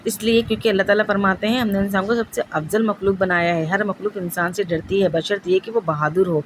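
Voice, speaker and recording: A woman's voice: mid-range voice, fairly even intonation, slight background noise, close to an everyday voice. A woman voicing an older male neighbour who earnestly explains and reassures in a told story. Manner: earnest, persuasive.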